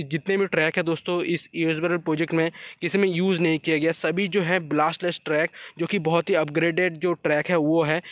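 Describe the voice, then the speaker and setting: A man's voice: sits high, dry recording. A man narrating a casual vlog about a construction site, explaining as he walks and calling his viewers friends again and again. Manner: repeats "friends" as a filler, explanatory. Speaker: construction update vlogger.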